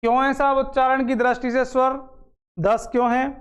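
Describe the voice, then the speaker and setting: A man teaching a grammar lesson, dictating slowly, repeating phrases and asking questions he then answers himself. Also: extremely high pitch, little pitch movement, clear, resonant tone. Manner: slow, repeats phrases for note-taking, asks and answers own questions.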